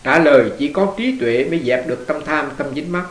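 A man's voice: fairly high pitch, lively intonation, a little fast. A man, a Buddhist monk giving a conversational dharma talk, telling stories and putting questions to his listeners. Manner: conversational, storytelling, asks the audience questions. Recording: echoey room with faint hiss.

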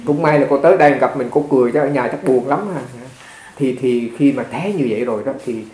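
A Buddhist monk with a medium-pitched voice talks fast as he gives a conversational dharma talk packed with stories and repeated words. He grows animated while retelling events, and the room around him is echoey.

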